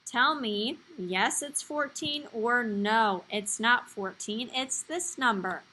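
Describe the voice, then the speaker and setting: A young adult primary school teacher leads a live online lesson for small children over a video call from a small indoor room, using a computer mic. Her voice is fairly high, slow, pushed, and bright, and the recording is rough. She's encouraging and simple like a kids-show host, singing out the counting.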